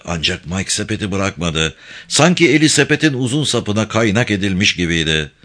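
A man narrating an adventure audiobook in an expressive storytelling manner. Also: lowish voice. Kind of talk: scripted narration.

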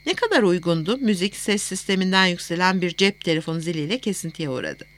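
A woman's voice: lowish voice, lively intonation, quick pace, fairly bright tone. Woman narrating a first-person novel. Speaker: audiobook narrator.

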